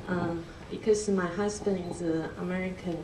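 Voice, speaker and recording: A nervous Chinese-accented woman gives a halting personal testimony as a church member, full of fillers, restarts and nervous laughs, her lowish voice fairly even and measured. A handheld mic picks her up from a distance in a large indoor church hall, so the recording is echoey and very noisy.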